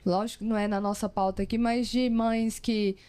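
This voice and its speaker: A Brazilian woman hosting a podcast, chatty and encouraging, with quick short replies. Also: medium pitch, level tone, dark tone, slight background noise. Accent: Brazilian Portuguese. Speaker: podcast host. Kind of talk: casual chat.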